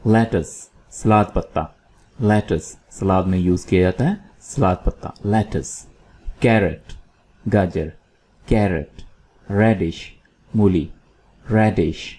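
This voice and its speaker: A man teaching English food words in Urdu, repeating each word slowly for learners to copy. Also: low-pitched, dark tone. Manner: slow, drilling words by repetition. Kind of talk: vocabulary lesson in Urdu.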